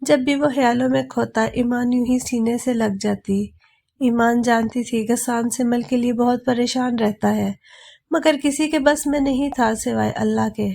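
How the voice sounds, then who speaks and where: A woman reading a novel aloud in an even, soft manner. Her voice is fairly high and mellow, recorded close and dry. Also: unhurried, gravelly, no room sound. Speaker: novel narrator. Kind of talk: audiobook narration.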